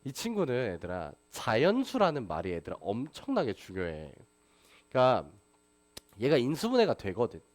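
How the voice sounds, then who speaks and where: A man's voice: mid-range voice, wildly swooping pitch, moderate pace. A man teaching a math class, lecturing and constantly asking his students rhetorical questions. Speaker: math tutor.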